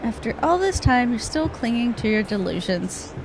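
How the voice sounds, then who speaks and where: A woman voicing a stern, composed young queen from a fantasy video game, formal and measured. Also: fairly high pitch, sing-song, a little hiss or hum, poor audio. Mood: pitying. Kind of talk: reading game dialogue aloud.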